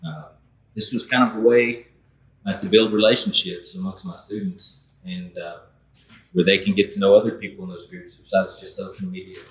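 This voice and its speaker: Man, very low voice, relaxed talk full of pauses, echoey room. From Oklahoma. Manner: easygoing, with frequent "uh" pauses. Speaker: taxidermy instructor and guest. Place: group class in Texas, indoors.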